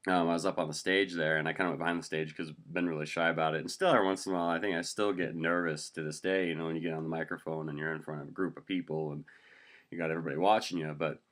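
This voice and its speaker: A man's voice: very deep voice, steady tone, racing, a bit bright. A man in his twenties from Montana, hosting his own web show in a rambling, chatty solo monologue. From Montana, USA. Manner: rambling, chatty, with frequent restarts and laughs.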